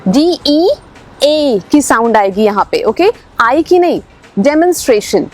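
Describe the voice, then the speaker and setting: A woman teaching English pronunciation, spelling words out letter by letter and repeating them slowly. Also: high voice, expressive. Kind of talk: scripted pronunciation lesson.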